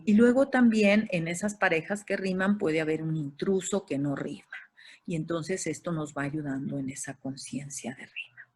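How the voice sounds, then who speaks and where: Woman, educational consultant lecturing online; lowish, breathy, explanatory. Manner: explanatory, listing examples, with frequent hesitations. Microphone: video call.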